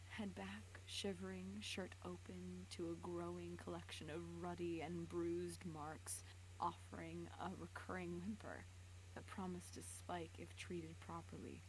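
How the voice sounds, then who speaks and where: On a live stream, a woman with a fairly low voice reads fan fiction dramatically, tripping over words and breaking into casual asides. The audio is poor, and background noise is clearly audible.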